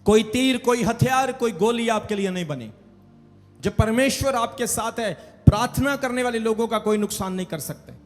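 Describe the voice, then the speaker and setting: With faint music behind him, a man with a Punjabi accent and a very high-pitched voice preaches from the pulpit of a large church hall at normal speed. His sermon is emphatic, repetitive and call-and-response, addressed to a congregation. The hall is echoey, with long reverb.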